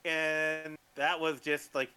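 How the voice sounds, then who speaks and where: A man's voice: on the high side, flat delivery, slow, crowd noise. A man on a casual podcast, talking loosely and filling gaps with fillers. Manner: filler-heavy, hedging.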